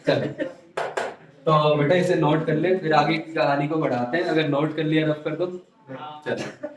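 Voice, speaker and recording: A man's voice: fairly high pitch, fairly even intonation, unhurried. Echoey male history teacher. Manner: repetitive checks like "clear?" and "keep in mind", addresses students as dear children. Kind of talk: classroom lecture. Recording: echoey room, mic at a distance.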